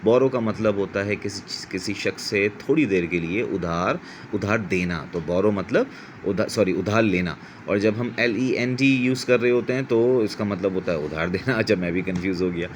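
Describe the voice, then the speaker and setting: A man's voice: fairly low pitch, normal speed, a little hiss or hum. A middle-aged man from Pakistan teaching English vocabulary in a patient, explanatory way, repeating words to model their pronunciation and correcting himself as he goes. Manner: corrects himself mid-sentence.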